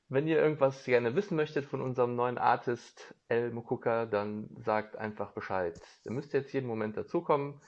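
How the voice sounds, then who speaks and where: A medium-pitched man with a darkish tone speaks at normal speed, his lo-fi sound coming from a phone livestream. As a label host who is half German, half Japanese and has a German accent, he keeps the casual interview chatty, laughing often and leaning on fillers.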